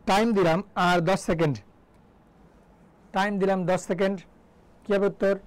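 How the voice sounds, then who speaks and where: A man's voice: high-pitched, steady tone, measured pace, poor audio. A young man from Bangladesh teaching English grammar in a live online class, chatty and joking as he quizzes students. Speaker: English tutor.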